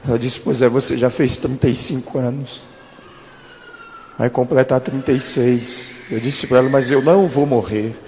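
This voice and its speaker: A man's voice: mid-range voice, a little mellow, a little hiss or hum. Male pastor, earnest testimony storytelling, mid-range voice, echoing hall. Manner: earnest storytelling, addresses listeners as beloved. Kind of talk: preached personal testimony.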